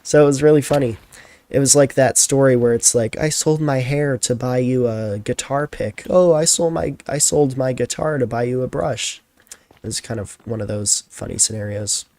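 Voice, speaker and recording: A man's voice: medium pitch, a little mellow, dry recording. A tired young man chatting casually as a streamer, telling a rambling story full of fillers.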